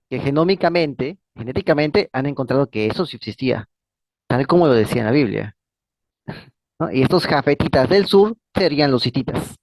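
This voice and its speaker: A man's voice: mid-range voice, creaky, a little mellow, dry recording. A man hosting his own channel, giving a casual history lecture. He rambles, repeats words, and keeps adding a questioning "no?" at the end of his phrases. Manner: frequent fillers and restarts. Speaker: channel host.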